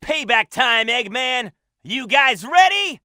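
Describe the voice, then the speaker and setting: A man playing a cocky, upbeat young hedgehog hero in a video game, brash and energetic. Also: very high-pitched, takes it slowly, no room sound, studio quality, heavily acted. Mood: cocky, excited. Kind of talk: video game in-action voice lines.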